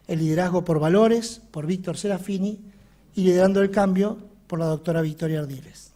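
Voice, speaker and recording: A man's voice: high voice, warm tone. A man with an Argentine accent opening a surgical symposium as coordinator, giving a formal address in declarative, list-like phrasing. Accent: Argentine Spanish.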